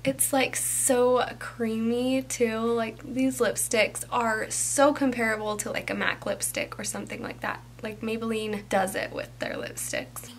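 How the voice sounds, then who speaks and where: A young woman talking through a makeup tutorial at home, chatty and enthusiastic, sometimes dropping to a soft whisper. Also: on the high side, fairly even intonation, unhurried, few pauses, slight background noise. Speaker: beauty vlogger.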